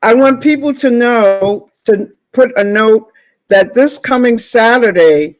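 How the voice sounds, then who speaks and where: Male interview host, high-pitched, casual and encouraging, repeats himself, muffled lo-fi recording. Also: slow, no echo. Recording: dull, lo-fi audio.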